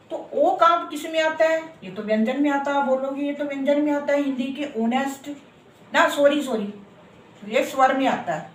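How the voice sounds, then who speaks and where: A woman with a somewhat high voice teaches a grammar lesson. She says key words over and over, stretching them out, and keeps asking the listener to agree. She is recorded from some distance in a roomy, echoey space with faint noise behind her. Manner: repeats words slowly and asks for agreement. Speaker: English teacher. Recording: echoey room from far off.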